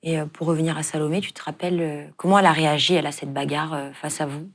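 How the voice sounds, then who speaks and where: A woman interviewer puts in brief, prompting questions and comments. She talks fast, with a low voice for a woman. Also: little pitch movement.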